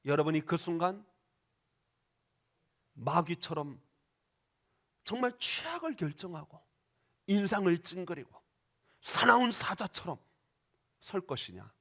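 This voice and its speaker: A man's voice: high voice, sing-song, a little slow, long pauses, pushed and bright. A male pastor preaching a sermon in a church, dramatic and questioning the congregation as he acts out quoted voices. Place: church sanctuary.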